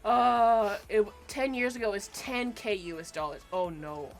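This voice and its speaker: A woman's voice: medium pitch, animated, moderate pace. A woman chatting casually on her game stream, rambling and teasing. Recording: faint music behind the voice.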